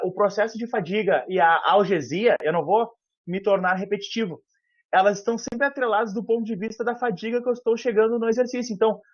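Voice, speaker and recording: A man giving an informal university lecture over a video call, explaining aloud with frequent fillers. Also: high-pitched. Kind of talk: online lecture. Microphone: headset. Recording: muffled video-call audio.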